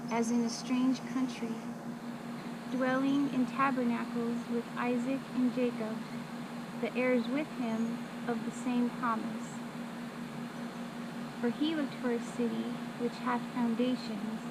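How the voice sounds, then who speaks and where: A woman reciting Bible verses by rote from memory, in short measured phrases with pauses, on a recording with loud background noise. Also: a little high, flat delivery. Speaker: scripture reciter.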